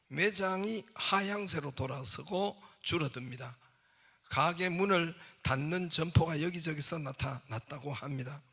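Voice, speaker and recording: Gravelly, bright-voiced Korean pastor preaching. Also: male voice, on the high side. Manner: jokey storytelling, asks the congregation questions. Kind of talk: sermon with humorous anecdotes. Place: church sanctuary.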